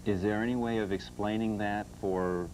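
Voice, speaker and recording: A male television interviewer with a low, soft-edged, dark voice. He puts his questions calmly. The old broadcast carries faint noise. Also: moderate pace, poor audio.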